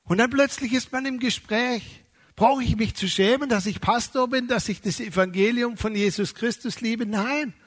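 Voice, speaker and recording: The speaker is a pastor, a middle-aged man whose voice is very high. His sermon is lively and emphatic, lingering on key words and mimicking the voices of those he quotes.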